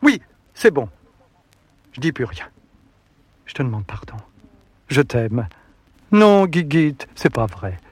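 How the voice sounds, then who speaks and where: A man's voice: mid-range voice, big pitch swings, slow, long pauses, breathy edge, no echo, exaggerated voice. A man performing a spoken record piece as a timid henpecked husband who whines, scolds and pleads with his wife. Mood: pleading. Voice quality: whiny, fretful, pleading. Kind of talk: theatrical spoken monologue on record.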